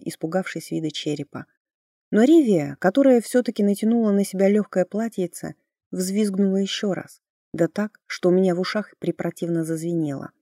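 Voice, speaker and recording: A woman reading a fantasy audiobook in the first person, lively and expressive. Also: medium pitch, dry recording, studio quality. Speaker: audiobook narrator.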